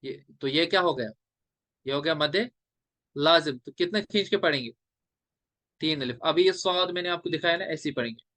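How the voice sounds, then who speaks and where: A male teacher explaining recitation rules step by step, drawing out letters in slow chanted examples. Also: a little high, sharp tone, no echo. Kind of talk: classroom lecture on recitation rules.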